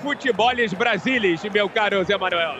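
High-voiced Brazilian male reporter, noisy feed. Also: normal speed, dull audio, crowd noise. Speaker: pitchside football reporter. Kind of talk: conversational live radio reporting. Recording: noisy outdoor stadium feed.

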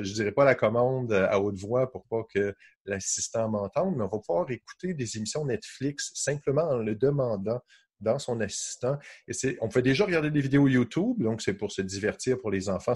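A man's voice: mid-range voice, animated, brisk, darkish tone, slightly rough. A man with a Quebec French accent explaining gadgets and films in casual radio chat, enthusiastic and full of fillers.

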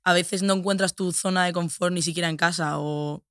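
A woman's voice: lowish voice, fairly even intonation, fairly quick, fairly bright tone, clean tone, dry recording, clean studio sound. A young woman with a Sevillian accent, a podcast guest talking in a reflective, casual way with lots of fillers and tag questions. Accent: Sevillian Spanish. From Spain.

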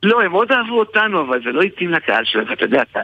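A man with an Israeli accent tells an anecdote casually, haltingly, repeating and restarting his phrases. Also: sits high, very animated, dry recording. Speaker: guest, stage performer. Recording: muffled radio or phone-like sound, dry.

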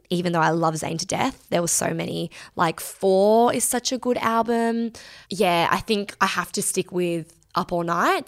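A young woman in her twenties hosting a solo Q&A podcast, chatting casually and using "like" a lot. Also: medium pitch. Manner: chatty, filler-heavy with lots of "like". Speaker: podcast host.

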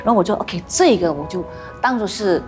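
A woman actress, the guest in a podcast interview, telling stories with animated acted-out voices. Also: mid-range voice, brisk, over music. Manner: animated storytelling, acts out quoted voices.

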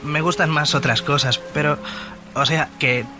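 A man's voice: fairly high pitch, fairly even intonation, a little slow, over music, close to an everyday voice. An actor playing a polite, reserved young man from Catalonia in naturalistic film dialogue. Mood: shy, agreeable.

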